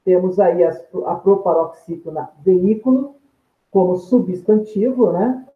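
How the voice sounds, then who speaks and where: A man's voice: high-pitched, measured pace. A man, a grammar teacher giving a video lecture, explaining step by step and answering his own questions. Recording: tinny phone-like sound in an echoey room.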